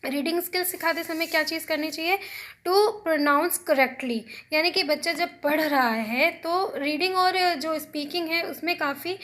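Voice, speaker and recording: A young woman teaching an exam prep lesson, reading points slowly and then explaining each one in Hindi. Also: high voice, a bit bright. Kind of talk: recorded lesson explaining notes.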